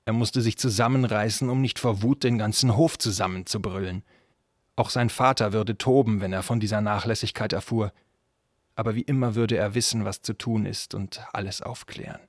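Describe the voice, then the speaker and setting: Calm male fantasy narrator. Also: fairly low pitch, no room sound, studio quality. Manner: calm, measured storytelling. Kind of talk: scripted narration of a fantasy story.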